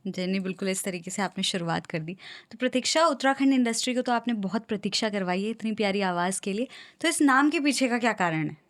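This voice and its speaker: A woman's voice: medium pitch, animated, fast, few pauses. A woman hosting an interview, asking questions in a friendly, chatty way. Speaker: podcast host, interviewer. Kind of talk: casual interview conversation.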